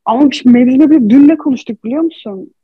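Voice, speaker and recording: A woman's voice: high-pitched, fast talker, husky, no room sound. A woman in casual confessional chat, telling a personal story candidly and emotionally, on a dull lo-fi recording.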